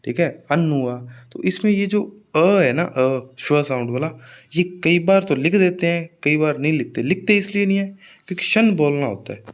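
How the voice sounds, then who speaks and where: A man teaching English word stress for an exam, speaking Hindi. He repeats example words slowly and checks in with "theek hai" often, with an occasional cough. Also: a little high, expressive.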